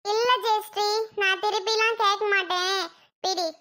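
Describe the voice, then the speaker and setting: A woman voicing a meek, gentle little girl who speaks softly and politely in a cartoon. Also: very high voice, fairly even intonation, unhurried, exaggerated voice. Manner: soft, yielding, polite. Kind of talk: cartoon voice acting.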